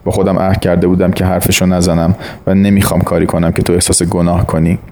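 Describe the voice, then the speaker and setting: A man's voice: sits low, little pitch movement, darkish tone, lightly acted. A man reading the lines of a worried mother confronting her grown son, in an audiobook reading. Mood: pleading.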